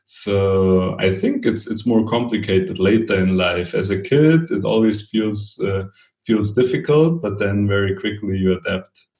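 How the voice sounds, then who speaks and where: A Brazilian-born man raised in Portugal and Germany, talking as a podcast guest, halting and full of restarts. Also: lowish voice, expressive, darkish tone, roomy sound, poor audio. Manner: halting, many restarts and fillers, laughs lightly. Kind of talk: conversational interview answers.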